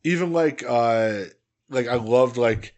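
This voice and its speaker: A man's voice: mid-range voice, slow, darkish tone. A man co-hosting a wrestling podcast, chatting loosely with plenty of fillers and swearing. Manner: loose and profane, lots of fillers. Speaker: podcast co-host. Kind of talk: casual chat.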